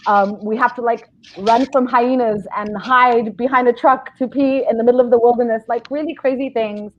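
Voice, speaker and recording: A woman in her thirties, born in Israel and raised in London, eagerly pitching her memoir over a video call. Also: normal speed, slight background noise. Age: 30s. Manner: eager, talkative, lively storytelling. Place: home room, seated in a chair. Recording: dull lo-fi video call audio.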